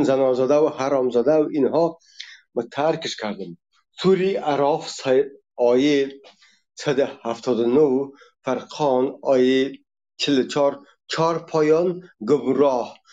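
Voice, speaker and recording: A man's voice: mid-range voice, darkish tone, lo-fi sound. A man giving an impassioned monologue as a religion critic. He speaks emphatically, addresses listeners directly and cites verses one by one.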